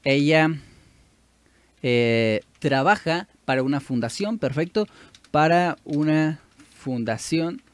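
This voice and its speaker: Smooth and a little high, with no room sound, a Mexican-accented YouTuber speaks slowly and expressively while doing language practice on an app. He's chatty, fixing his own mistakes and thinking out loud.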